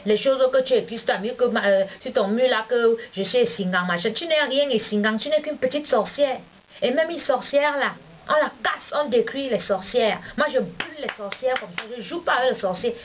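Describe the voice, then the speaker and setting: A woman's voice: a little high, moderate pace. A woman, scolding a rival in a heated, repetitive monologue. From Cameroon. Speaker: vlogger. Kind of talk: confrontational monologue addressed to a rival. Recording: dull lo-fi recording with faint hiss.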